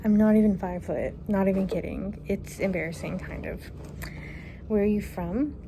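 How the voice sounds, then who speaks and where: A woman in her twenties from Kentucky answering viewer questions in a casual vlog, relaxed and chatty, thinking aloud with fillers, recorded on her phone at home. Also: mid-range voice, moderate pace, creaky, noisy background. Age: 20s. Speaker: vlogger. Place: her apartment, indoors. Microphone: phone camera.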